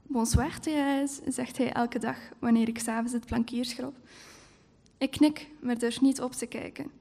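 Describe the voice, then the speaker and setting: Woman author, stage reading of her own prose, fairly high, mellow tone. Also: little pitch movement, moderate pace, creaky. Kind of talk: live literary reading. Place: stage at a live event.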